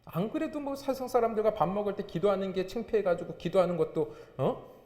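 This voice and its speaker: A man's voice: sits high, fast talker, darkish tone. A man, a pastor, preaching a sermon with emphatic, rising and falling delivery. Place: church sanctuary. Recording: echoey church hall.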